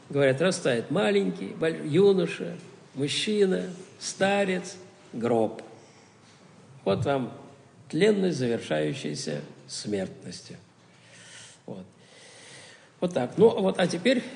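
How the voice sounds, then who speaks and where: A man's voice: on the high side, vocal fry, darkish tone, big-room sound. A man giving a spoken theology lecture, asking rhetorical questions and answering them himself, often stopping and restarting words.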